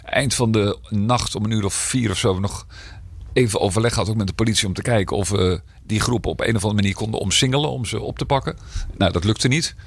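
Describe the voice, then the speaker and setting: A man with a rather low voice, a mayor being interviewed for a podcast. He has a slight cold that roughens his throat, and he talks hesitantly, with many fillers and restarts. The sound is close and dry. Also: fast talker, no room sound.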